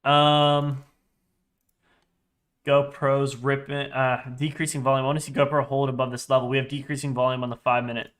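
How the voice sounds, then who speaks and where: A man's voice: mid-range voice, level tone, normal speed, a bit bright. A man in his twenties giving casual live trading commentary, restless and sweary, muttering to himself as he goes. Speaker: day trader livestreamer.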